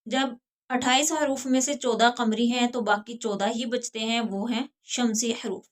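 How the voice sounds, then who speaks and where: A woman teaching a recorded lesson on reciting the Quran. She speaks in a slow, deliberate way and draws out the example words with care. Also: fairly high pitch, steady tone.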